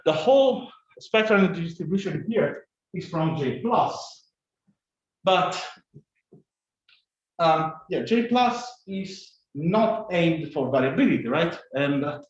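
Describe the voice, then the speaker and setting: A man giving a fast, halting scientific conference talk, full of fillers and restarts. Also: a little high. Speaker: conference speaker. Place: conference room or lecture hall. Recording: echoey, dull conference recording.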